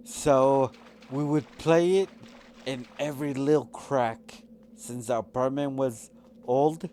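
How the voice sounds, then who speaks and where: A man's voice: medium pitch, fairly even intonation, slow pace, warm tone, a little hiss or hum. A man casually telling rambling personal stories while commenting over gameplay, with lots of fillers and restarts. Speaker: gaming channel host.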